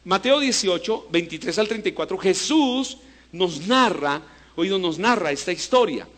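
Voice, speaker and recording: High-voiced male pastor preaching. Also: lively intonation, normal speed. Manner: preaching with call-and-response to the congregation; swings between loud emphasis and low, hushed delivery. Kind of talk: sermon.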